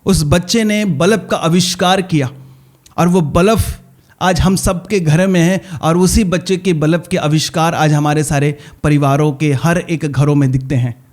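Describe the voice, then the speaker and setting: A male pastor preaching in a fairly high voice. He is earnest and tells stories, and he leans on repeating key phrases to drive each point home. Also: fairly even intonation, measured pace, darkish tone. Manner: earnest preaching with repetition and storytelling. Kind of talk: sermon.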